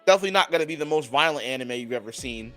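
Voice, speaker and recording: Laid-back swearing podcast co-host. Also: male voice, mid-range voice, lively intonation, very fast, a bit bright, faint music behind. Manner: laid-back, swears casually, laughs often. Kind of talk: casual chat.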